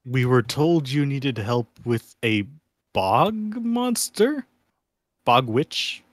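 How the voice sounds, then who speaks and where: A man's voice: medium pitch, expressive, slow pace, dry recording. A man playing a tabletop game, joking and laughing with the table. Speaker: player. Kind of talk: tabletop role-play.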